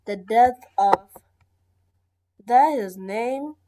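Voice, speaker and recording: A woman's voice: on the high side, extremely slow, background noise. A woman reacting casually to a video, rambling and hesitant, often breaking into giggles.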